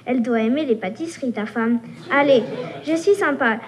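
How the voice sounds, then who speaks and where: A woman's voice: high-pitched, moderate pace, close to an everyday voice. A woman reading aloud as a cheeky, teasing little female mosquito, taunting and buzzing. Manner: taunting, playful, buzzing sounds. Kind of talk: reading a story aloud at a workshop.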